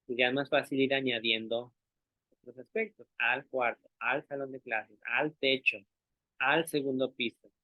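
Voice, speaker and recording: A man's voice: medium pitch, fairly even intonation, measured pace, no room sound. A male teacher gives an explanatory talk to other teachers, patiently checking that listeners follow along and modeling sounds aloud. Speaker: language teacher presenting to teachers. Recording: dry, tinny phone-like sound.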